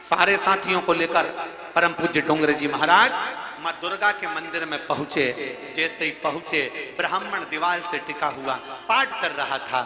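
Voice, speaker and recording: Man, devotional storytelling sermon, repetitive emphatic refrains, fairly high voice, booming hall echo. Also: moderate pace. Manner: repetitive, rising declamation building to loud emphatic refrains. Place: large hall, live religious gathering. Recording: echoey hall with music behind.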